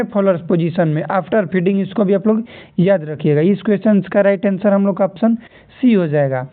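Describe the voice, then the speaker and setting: Man, nursing exam tutor, lecture style, repeats key terms, thin phone-line audio. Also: high-pitched. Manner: repeats key terms, tells students to remember.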